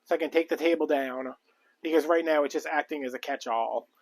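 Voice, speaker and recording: A crafting vlogger with a fairly high voice talks a little fast while crafting on a live stream. He's out of breath, chatting casually and rambling with plenty of fillers.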